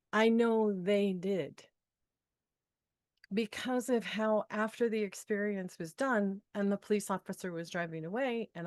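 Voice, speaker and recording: A middle-aged woman speaking as a spiritual guide, telling personal stories in an expressive, upbeat way, laughing often and acting out the people she quotes. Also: mid-range voice, no room sound, clean studio sound. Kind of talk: animated personal storytelling talk.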